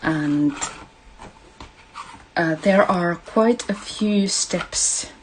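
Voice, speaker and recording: A woman with a Finnish accent leads a casual craft livestream in a low-pitched voice. She talks very slowly and gently, pausing and hesitating as she addresses her viewers. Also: slight background noise. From Finland. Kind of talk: casual live craft tutorial.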